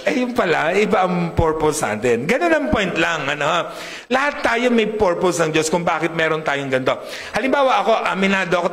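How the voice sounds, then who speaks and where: A man preaching a sermon, joking and often asking the congregation questions. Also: a bit bright. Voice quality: deep, big voice. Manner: humorous, asks the crowd often. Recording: long hall reverb.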